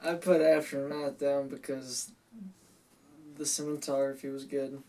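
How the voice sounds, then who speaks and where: A man's voice: mid-range voice, flat delivery, a little slow, dark tone, recorded from a distance, slight background noise. A young man co-hosting a casual chat, rambling and repeating himself. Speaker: co-host.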